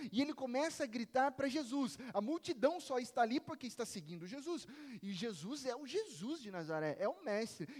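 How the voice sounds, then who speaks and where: A man preaching a sermon as pastor, emphatic, his voice rising to shouts at the climaxes. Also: very high voice. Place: church sanctuary. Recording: reverberant church hall.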